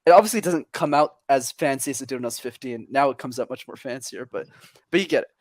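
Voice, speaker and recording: A young man from Canada, a podcast guest, telling stories in energetic, extroverted casual chat. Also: medium pitch, fast, no room sound, studio quality.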